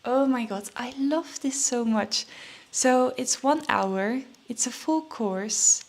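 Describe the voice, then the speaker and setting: A woman's voice: on the high side, slow. A young woman chatting casually in a vlog, a bit nervous and out of breath, with many fillers and restarts. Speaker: trading vlogger.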